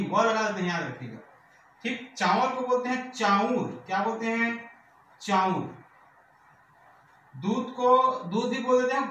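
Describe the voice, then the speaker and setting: A male teacher giving an exam-prep vocabulary lesson, repeating each word with a question and often asking if it is clear. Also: sits high, fairly bright tone, slight background noise. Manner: repeats words with rhetorical questions, checks "clear?". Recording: very echoey room, voice from far off.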